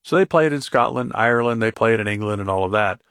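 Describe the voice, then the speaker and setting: A man hosting a radio talk show, asking his guest upbeat rapid questions and reading out a phone number. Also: lowish voice, expressive, a bit bright, no echo, studio quality.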